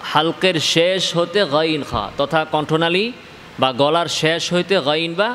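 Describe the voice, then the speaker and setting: A man from Bangladesh teaches Quranic letter pronunciation at a very slow, careful pace, in a slightly raised voice. He poses questions to his listeners and answers them himself, stretching out each letter sound. The room has a long reverb with faint noise behind. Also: a little high, fairly bright tone. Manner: draws out letter sounds slowly. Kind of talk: slow spoken lesson on Arabic letter pronunciation.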